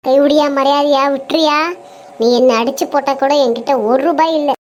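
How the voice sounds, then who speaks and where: A woman's voice: sits high, fairly even intonation, brisk, darkish tone. A woman voicing a struggling, weary mother in a cartoon story, speaking earnestly and sometimes tearfully.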